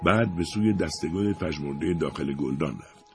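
A man narrating a story as a scripted audiobook reading, at a steady, even pace. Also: very deep voice, creaky, music in the background.

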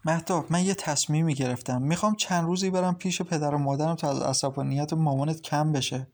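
A man voicing an anxious, queasy young pregnant wife who speaks softly and hesitantly in an audiobook. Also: a little high, steady tone, lightly acted. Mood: worried.

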